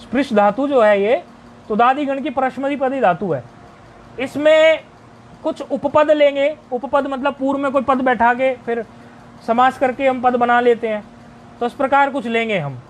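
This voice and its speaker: High-voiced man teaching Sanskrit grammar. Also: slight background noise. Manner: explains step by step, often asks and answers his own questions; recites word forms slowly in a chant-like list. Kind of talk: recorded video lesson.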